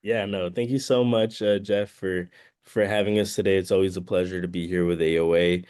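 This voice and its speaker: A man's voice: low voice, fairly even intonation, brisk, darkish tone, clean tone, no room sound, studio quality. A man presenting a webinar with a slightly muffled voice, sounding under the weather. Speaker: guest presenter, balcony inspection company representative.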